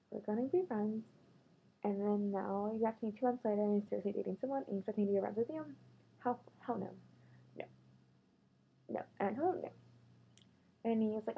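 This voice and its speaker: Husky-voiced woman recounting a date. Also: medium pitch. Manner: chatty, filler-heavy, quotes others in raised voice. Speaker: vlogger. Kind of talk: casual storytelling about dating. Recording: tinny phone-like lo-fi audio.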